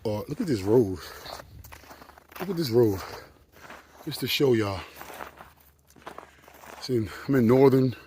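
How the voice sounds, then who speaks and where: A man of middle pitch vlogs outdoors in the winter cold, talking casually in slang to his camera. He sounds a little out of breath, and faint background noise rides under his voice. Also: takes it slowly, long pauses. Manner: slangy, excitable, chatty. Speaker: vlogger. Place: outdoors on a frozen lake in winter.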